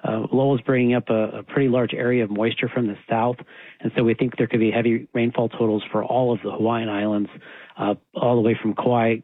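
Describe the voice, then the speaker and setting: A man from a hurricane center gives a measured weather briefing, padded with "uh" fillers, in a news soundbite that sounds taped off the radio over a narrow phone-like line. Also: mid-range voice, level tone. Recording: tinny phone-line radio clip, dry.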